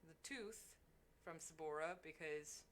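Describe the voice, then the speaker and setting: Low-pitched young woman, wry storyteller. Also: measured pace. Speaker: player recounting a tabletop game on a show. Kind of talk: casual storytelling chat.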